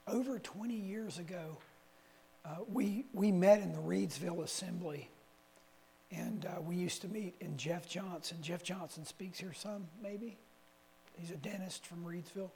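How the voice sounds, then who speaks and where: At a measured pace, a lay preacher speaks to a church assembly in a high-sitting voice with vocal fry and a dark tone. His conversational sermon rambles through folksy personal anecdotes, punctuated by asides where he corrects himself. The church meeting hall is reverberant, carrying a faint hum.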